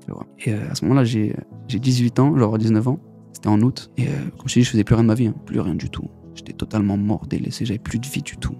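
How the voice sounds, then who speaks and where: A man's voice: mid-range voice, steady tone, fast talker, gravelly, dark tone, faint music behind. A young man giving a personal testimony in an interview, telling his story in casual street slang with many repeats. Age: young adult.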